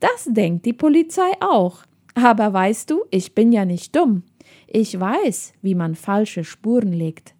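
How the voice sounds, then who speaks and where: A woman voicing a menacing middle-aged male escaped convict who talks slowly with a hissing, sneering manner. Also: mid-range voice, very animated, warm tone.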